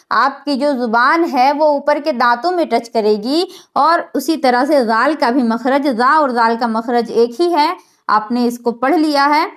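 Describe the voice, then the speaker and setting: A woman, teaching a spoken lesson on Quran letter sounds, patiently explaining and modeling each sound aloud. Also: high-pitched. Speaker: online Quran recitation teacher.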